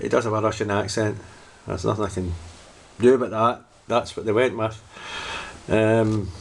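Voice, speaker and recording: A man's voice: lowish voice, creaky. A man casually reviewing a toy, rambling and hesitant, often repeating himself as he goes.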